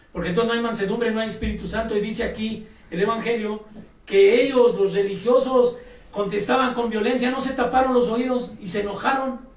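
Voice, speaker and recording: A man preaching a sermon, emphatic and exhorting, speaking directly to his listeners. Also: very high voice. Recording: echoey room, mic at a distance.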